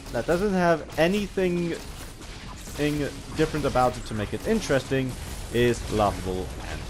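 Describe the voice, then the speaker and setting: Commentary on a video game comes from a British man who rambles haltingly, often restating and rephrasing his words. He has a mid-range voice, and there's a faint hiss or hum.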